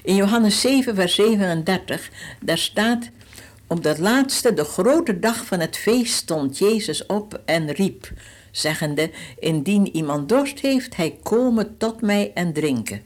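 A woman's voice: medium pitch, animated, slow pace. An older woman giving a short radio devotional talk, earnest and pleading, quoting scripture with dramatic shifts of voice. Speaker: evangelist. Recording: radio broadcast.

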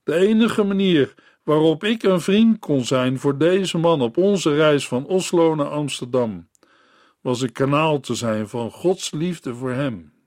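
A man narrating a story in a radio Bible broadcast, reading in a measured, earnest way and turning to the listener. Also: on the high side, expressive, darkish tone, no room sound, studio quality.

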